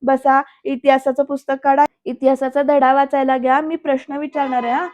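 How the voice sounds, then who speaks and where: A woman reading a gentle pleading teacher. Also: high-pitched, little pitch movement, brisk, lightly acted. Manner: soft, pleading. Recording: dull lo-fi.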